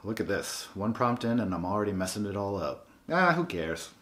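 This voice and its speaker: A man's voice: lowish voice, brisk, fairly bright tone. A man hosting a book channel, giving a scripted monologue in a wry, sardonic way. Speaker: booktube host.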